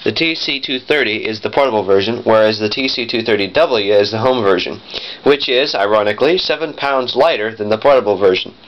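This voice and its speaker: A vintage audio collector with a lowish, brisk voice gives a casual, rambling demonstration of equipment, talking off the cuff and correcting himself as he goes. It's filmed on a handheld camera whose dull, lo-fi mic adds noise.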